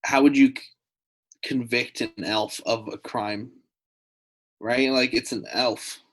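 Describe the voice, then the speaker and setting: A man's voice: medium pitch, steady tone, slow, fairly bright tone. Laid-back joking male podcast host. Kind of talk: casual comedic chat.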